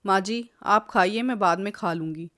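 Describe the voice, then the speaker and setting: A woman's voice: mid-range voice, normal speed, fairly bright tone, no room sound, clean studio sound, lightly acted. Timid young wife, meek, pleading, read by a woman, storybook. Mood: tearful. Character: timid young wife, tearful then defiant.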